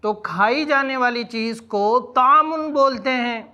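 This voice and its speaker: High, bright-voiced male Arabic teacher. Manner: says each Arabic word slowly and repeats it, then explains its meaning. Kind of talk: vocabulary lesson in Urdu.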